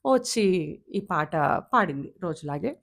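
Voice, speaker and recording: A woman storyteller with an animated, conversational delivery, narrating a folk tale for children. She rises and falls expressively with the action, then settles into earnest advice for parents. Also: lowish voice, measured pace, vocal fry. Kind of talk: storytelling with moral talk.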